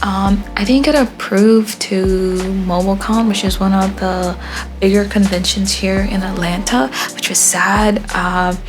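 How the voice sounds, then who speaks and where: Rambling young woman over soft music. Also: medium pitch, a little slow. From born in Haiti, grew up in Florida. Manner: rambling, relaxed, frequent ums. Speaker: artist vlogger. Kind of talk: casual voice-over chat while drawing.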